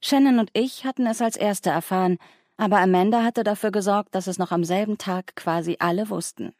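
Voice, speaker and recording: A woman reading a first-person audiobook in a composed, even way. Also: mid-range voice, fairly quick, no echo, studio quality. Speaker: audiobook narrator.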